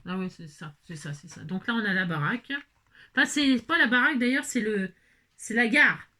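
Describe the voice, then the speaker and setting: A woman's voice: medium pitch, lively intonation, normal speed, pushed and bright. A woman vlogging casually as she assembles a craft kit, chatting to viewers, exclaiming and muttering to herself when pieces go wrong.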